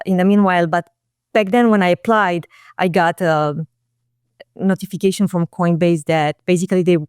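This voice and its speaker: A woman, a guest talking casually and reflectively in an interview, often pausing on fillers and restarting phrases. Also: on the low side, a little mellow, clean tone, dry recording, studio quality. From Romania. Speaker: guest, marketing executive.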